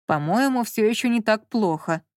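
A woman reading an audiobook, voicing an easygoing, puzzled grown man in a mild, unhurried way. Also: medium pitch, expressive, dry recording, clean studio sound, close to an everyday voice. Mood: indignant.

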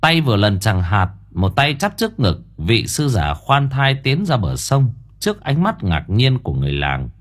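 A man narrating an audiobook in a dramatic, expressive storytelling manner. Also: medium pitch, normal speed, hardly any pauses.

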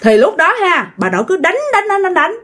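A woman's voice: very high-pitched, sing-song, brisk, a bit bright. A woman with a Southern Vietnamese accent telling a ghost story in a chatty way, talking directly to her listeners.

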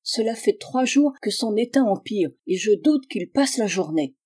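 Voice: medium pitch, lively intonation, normal speed, darkish tone, husky. Vieille logeuse angoissée qui supplie, jouée par le lecteur, voix feutrée et un peu soufflée. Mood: anxious. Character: worried elderly landlady, anxious.

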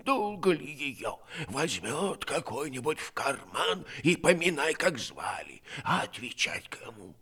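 A man voicing a decrepit, fretful old valet in an audiobook, mumbling toothlessly and breathlessly in a raspy, folksy, drawn-out way. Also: a little high, sing-song, sharp tone, pitched above the performer's own voice, heavily acted. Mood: fretful grumbling. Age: older. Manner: drawn-out rustic grumbling and lamenting. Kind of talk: audiobook character reading.

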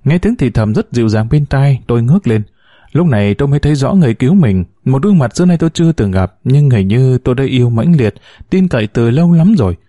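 Mellow, lively male audiobook narrator. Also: mid-range voice, no echo. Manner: measured, expressive storytelling. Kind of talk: scripted narration of a novel.

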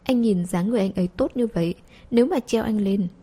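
A woman's voice: mid-range voice, fast, warm tone, husky, lightly acted. A woman voicing a petulant young girlfriend nagging her boyfriend in an audiobook.

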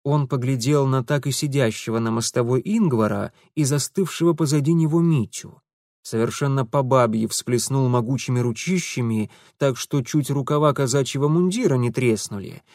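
A man reading a storybook narration in an expressive, lively way. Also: medium pitch, normal speed, no echo, studio quality. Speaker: audiobook narrator.

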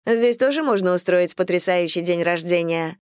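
A woman voicing an eager, easily swayed young woman with bright, questioning lines in an audiobook. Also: fairly low pitch, normal speed, clean tone, dry recording, clean studio sound, lightly acted.

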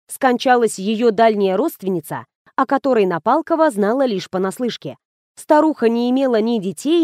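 A woman narrates an audiobook in an even, steady reading voice. Her pitch sits slightly high, and the sound is dry and close, with no room echo. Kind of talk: scripted narration.

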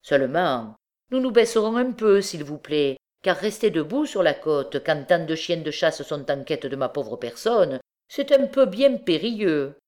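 A woman's voice: low voice, big pitch swings, measured pace, darkish tone. A woman reading an audiobook, voicing a sly, mocking old male beggar turned bandit. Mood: wry.

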